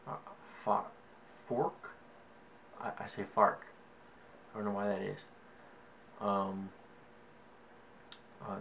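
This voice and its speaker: Slight background noise sits under a young Cajun-accented man from South Louisiana as he casually rambles through a word list for his vlog. He leans on "like" and "um" constantly, and his voice is on the low side and a bit bright.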